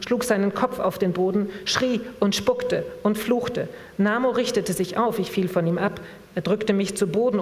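A woman reading from a novel in a measured, expressive way, then asking an author a question at a public reading event. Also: mid-range voice. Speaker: reader and moderator. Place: event hall. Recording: long reverb of a hall.

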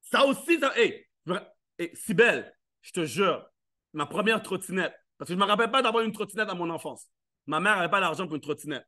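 A man with a high, forceful voice speaks from a live event stage. He questions his listeners directly and slips into quick acted scenes. The delivery stays playful and punchy. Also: expressive. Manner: playful, questions the audience, acts out little scenes. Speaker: motivational speaker. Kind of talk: live motivational talk to an audience.

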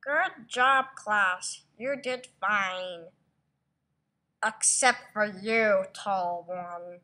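A woman's voice: medium pitch, very slow, pushed and bright. A woman voicing a bossy droid gym teacher who leads a class in a homemade toy video. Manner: bossy, sing-song, drawn out.

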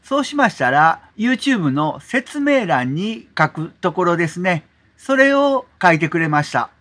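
A man hosting a software tutorial, explaining step by step in a polite manner, often adding 'desu ne' as filler. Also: high voice, sing-song, unhurried. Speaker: tutorial host. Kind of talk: screen-recorded software tutorial.

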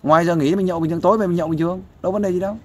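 A volunteer counselor interviews a guest in a casual setting, offering fatherly, persuasive advice and often asking for agreement. His voice is high, with fairly even intonation, and he speaks very fast.

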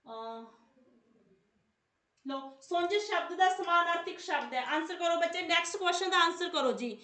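A woman's voice: very high voice, expressive, normal speed, sharp tone. An Indian Punjabi woman teaching a live quiz class, insistently repeating her prompts and coaxing or scolding pupils in a familiar, chatty way. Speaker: online exam coaching teacher. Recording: echoey room sound.

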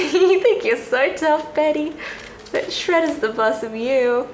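A woman's voice: high voice, lively intonation, slow, a little hiss or hum. A woman cooing baby talk to her pets at home, affectionate and giggly. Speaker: pet owner.

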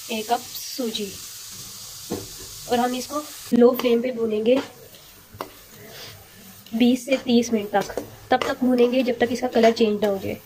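A woman host walking viewers through a home recipe with calm, polite, step-by-step instructions. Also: on the high side, noisy background. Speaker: cooking channel host.

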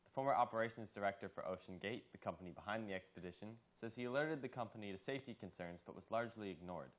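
A teenage student reporter reading a news report in a flat, quick delivery. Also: male voice, fairly low pitch. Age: teens.

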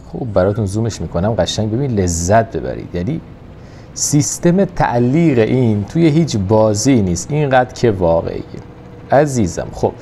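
A man giving casual, excited commentary over a mobile truck game, coaxing the truck along. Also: on the low side, slight background noise. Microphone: phone recording.

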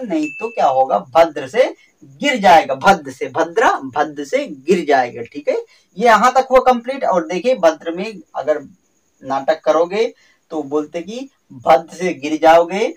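High-voiced man teaching memory tricks. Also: far from the mic, low-quality recording. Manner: repetitive, sing-song emphasis, addresses viewers as friends. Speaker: quiz teacher. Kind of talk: exam-prep lesson with memory tricks.

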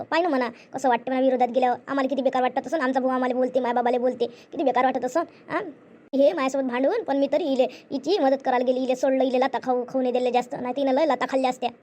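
A woman's voice: high voice, a little mellow. A woman tells a family story in a chatty way. She repeats herself often, reassures the others and gossips about the family. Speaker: storyteller voicing family members. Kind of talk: conversational family skit.

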